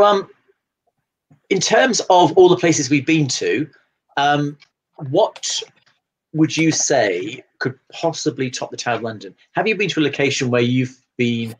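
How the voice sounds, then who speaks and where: A man's voice: medium pitch, slightly rough, low-quality recording. A man hosting a live chat over a video call, asking rambling questions full of fillers. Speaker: host. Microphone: video call webcam.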